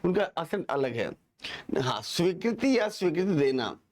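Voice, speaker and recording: A male teacher giving a lively, joking classroom lesson, quizzing students and having them repeat words. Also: on the high side, normal speed.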